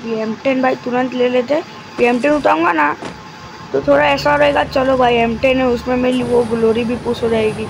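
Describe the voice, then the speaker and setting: A man giving live commentary over his mobile game, talking deliberately quiet and chatty, constantly addressing his viewers. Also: extremely high pitch, creaky, low-quality recording. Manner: talks deliberately quiet and soft; chatty, keeps addressing viewers as guys and brother.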